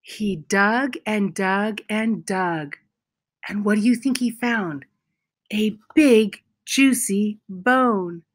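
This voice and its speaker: Here a woman with a mid-range voice reads a picture book to children, taking on the role of storyteller. She delivers the lines deliberately and with expression, emphasizing particular words.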